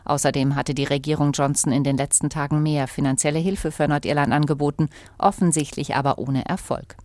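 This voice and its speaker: Low-voiced woman reading news. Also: steady tone, brisk, a little mellow, no room sound. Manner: clear, matter-of-fact. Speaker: news reporter. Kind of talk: news report. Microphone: close studio mic.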